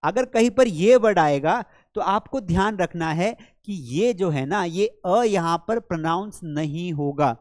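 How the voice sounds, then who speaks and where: A man's voice: high-pitched, lively intonation, unhurried, few pauses, no room sound, clean studio sound. A man with an Indian accent teaching an English lesson in Hindi, repeating words and quizzing the viewer like a classroom teacher. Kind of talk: classroom-style language lesson.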